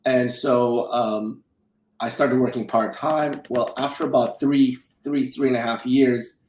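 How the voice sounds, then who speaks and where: This Romanian-born interview guest, who grew up in South Dakota and now works as a film executive producer and financial advisor, is a middle-aged man with a medium-pitched, steady, slightly mellow voice. He talks at an unhurried pace, recounting his story casually and frequently restating things in other words. There's a roomy quality to the audio and a little hiss or hum.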